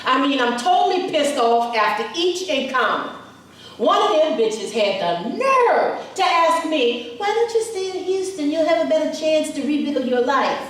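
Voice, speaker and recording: A woman's voice: high voice, big pitch swings, moderate pace, a little hiss or hum. A woman actor playing a furious, foul-mouthed New woman, delivering a scornful stage monologue. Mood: defiant. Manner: profane, scornful, emphatic. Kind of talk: theatrical monologue. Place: theater stage. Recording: echoey stage from a distant mic.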